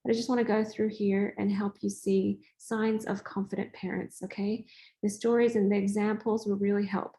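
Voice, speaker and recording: A woman's voice: medium pitch, moderate pace, rough recording. A woman from Australia, hosting and talking casually as a spiritual coach, acting out family dialogue in a chatty way. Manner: chatty, acts out family dialogue in lively voices. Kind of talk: casual teaching talk.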